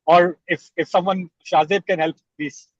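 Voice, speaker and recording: A man's voice: sits high, fairly even intonation, moderate pace, dry recording. A man joins a club meeting over a car speakerphone while driving, speaking politely and formally as the speech evaluator. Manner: polite and formal, with courteous requests. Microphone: phone speakerphone in a car. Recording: muffled, distant car speakerphone line.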